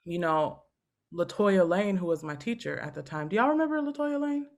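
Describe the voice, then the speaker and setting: A woman in her thirties with a low, deep-set voice chats on a podcast. She tells stories with animation and easy laughter. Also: expressive, normal speed. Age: 30s. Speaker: guest opera singer. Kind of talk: casual podcast chat.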